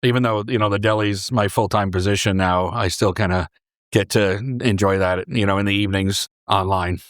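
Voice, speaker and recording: A man from New York in his forties, a deli owner and former English teacher, telling his story in a relaxed, rambling way on a close podcast mic. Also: on the low side, moderate pace, dry recording. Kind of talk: casual interview storytelling.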